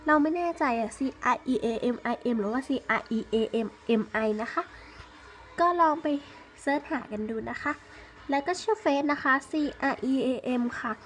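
A woman's voice: sits high, low-quality recording. A young woman chatting casually as she shows and prices handmade squishies, polite and chatty, spelling out her contact details. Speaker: vlogger selling handmade squishies. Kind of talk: casual product show-and-tell. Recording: loud background noise with crinkling.

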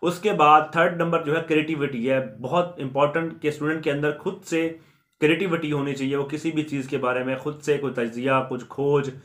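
A man's voice: fairly high pitch, steady tone, fairly quick, fairly bright tone. A man from Pakistan hosting an education channel, earnestly explaining to viewers in a repetitive way and mixing in many English terms. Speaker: YouTube education channel host.

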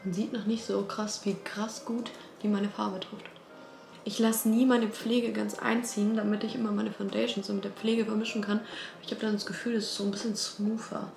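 A young lifestyle vlogger, in her twenties, talks to the camera in a relaxed way from her bright, modern apartment, eager and heavy on slang. Her voice is medium-pitched and gravelly, with a level tone and an ordinary pace. Music sits behind the roomy apartment sound.

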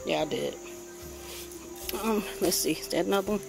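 Over music, a woman with a lowish, gravelly voice talks at a normal pace. She's a vlogger chatting casually and ramblingly as she films her backyard garden on a handheld phone, then moves indoors to show her plants by a window, all in a homey way.

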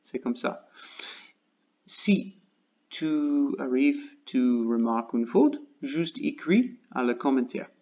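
Slow, halting American man speaking French. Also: mid-range voice, expressive, a little mellow, lo-fi sound. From United States. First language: English. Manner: halting learner's French, searching for words with many pauses. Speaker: channel host. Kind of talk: casual vlog update.

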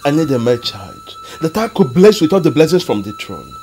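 A man's voice: fairly high pitch, very animated, fairly quick, a little mellow, faint music behind. A man playing a stern, imperious king in a film drama, speaking emphatically with a Nigerian accent. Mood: impatient, stern. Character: stern, imperious king demanding a male heir.

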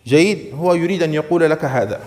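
A man teaching a grammar class who often checks that his students follow and slows down to stress each example he reads out. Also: a little high, darkish tone, long reverb tail. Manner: checks understanding with frequent questions to students; slows down and stresses words when reading out examples. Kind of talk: classroom lesson.

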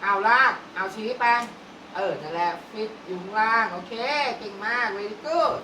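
A woman kindergarten teacher running a classroom vocabulary drill. She repeats each word slowly and coaxes the children while staying firm. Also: medium pitch, pushed and bright. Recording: echoey room from far off, clear noise.

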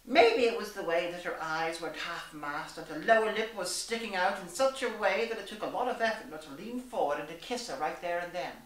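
Fairly low in pitch and fairly quick with few pauses, a young woman reads a story in an arch, theatrical, mock-genteel voice. It was recorded in a small indoor room that sounds echoey through a distant mic.

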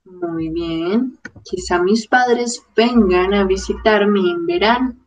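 A woman's voice: mid-range voice, slow, slight background noise, poor audio. A woman teaching a grammar lesson, carefully drilling verb forms one by one. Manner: careful, drilling word lists. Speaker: Spanish teacher.

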